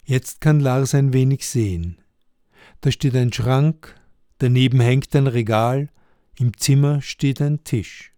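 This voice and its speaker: A man's voice: medium pitch, takes it slowly, mellow, smooth, dry recording, studio quality. A man narrating a simple ghost story for learners in plain, short sentences.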